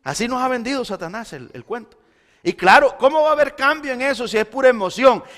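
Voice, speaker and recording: A man preaching a Sunday sermon as pastor, swinging between loud emphasis and quiet intensity. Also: very high-pitched, lively intonation, brisk. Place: church sanctuary. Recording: long church hall reverb.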